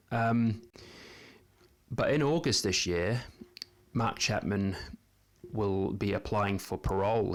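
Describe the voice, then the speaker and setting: NZ-man, 40s, lower register, unscripted and halting; casual vlog delivery. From New Zealand. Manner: hesitant, many ums and restarts. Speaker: vlogger. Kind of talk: casual spoken monologue.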